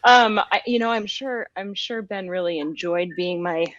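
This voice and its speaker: A woman's voice: medium pitch, moderate pace, a bit bright. A woman guest chatting casually and laughing often, over a video call. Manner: giggly, bubbly. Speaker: guest, event marketing staff. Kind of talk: casual chat. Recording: dull, dry call audio.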